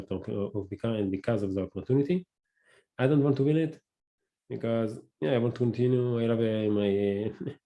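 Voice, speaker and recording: A native Hebrew speaker with a Hebrew accent hosts a casual solo podcast, his mid-range voice dark in tone. He talks haltingly, often searching for words and starting over.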